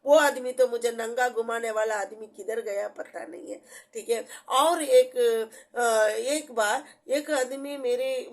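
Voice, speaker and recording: A woman giving a personal faith testimony, earnest and repetitive, with frequent restarts. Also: fairly high pitch. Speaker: church member giving testimony.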